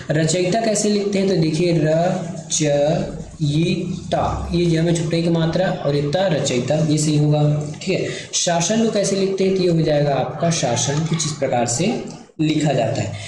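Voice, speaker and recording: Male teacher, mellow voice, booming room echo, walks through spelling at the board. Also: moderate pace. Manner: repetitive, checks in with listeners, writes while talking. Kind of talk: spelling lesson explained at a board. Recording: very echoey room with faint noise.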